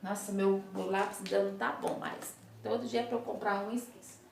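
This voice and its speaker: A Brazilian woman teacher giving a recorded phonics lesson to young pupils, slowly sounding out syllables and checking in with frequent tag questions. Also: medium pitch, steady tone, vocal fry, a little hiss or hum. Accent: Brazilian Portuguese. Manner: slow, patient, spelling sounds out with many tag questions. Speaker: primary school teacher. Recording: echoey room recording.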